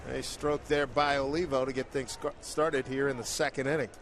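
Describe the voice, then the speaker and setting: A man calling baseball play-by-play, brisk and rising with excitement on big plays. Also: mid-range voice, a little hiss or hum. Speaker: play-by-play announcer.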